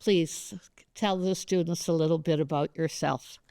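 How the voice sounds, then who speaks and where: A woman's voice: low-pitched, steady tone, a little slow, dark tone, no room sound, clean studio sound. A woman professor interviewing a colleague, talking in a rambling, conversational way with many asides. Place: campus studio.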